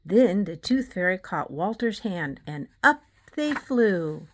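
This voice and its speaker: Slow, measured woman reading a storybook. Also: lowish voice, very animated. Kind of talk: reading a children's book aloud.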